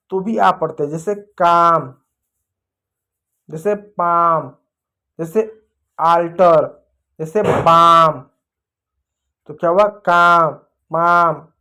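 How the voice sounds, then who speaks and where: A man teaching an English phonics lesson to children. He asks his own questions, answers them, and repeats example words slowly and emphatically, often addressing the children affectionately. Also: on the high side, fairly bright tone. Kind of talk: classroom-style phonics lesson.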